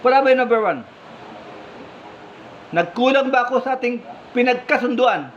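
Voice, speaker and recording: A man voicing a stern, fair-minded male vineyard owner who questions his workers firmly and deliberately. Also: extremely high pitch, lively intonation. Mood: questioning. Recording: slightly muffled, faint background hum.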